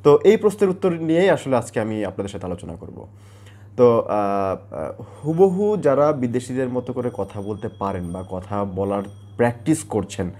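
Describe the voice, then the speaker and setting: A man's voice: medium pitch, a little mellow. A man from Bangladesh, an IELTS tutor, explains step by step in a video lesson, with frequent hesitant fillers.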